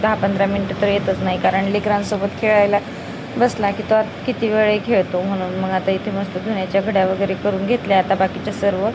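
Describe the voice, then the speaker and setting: A woman recounts her day in an unhurried voice-over. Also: mid-range voice, little pitch movement. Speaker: home vlogger. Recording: voice-over with loud hiss and background noise.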